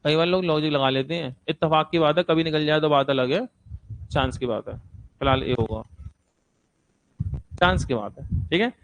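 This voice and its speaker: High-voiced Hindi maths teacher lecturing. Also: male voice, moderate pace, pauses often. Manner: repeats numbers and steps aloud, checks in with students. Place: classroom with seated students.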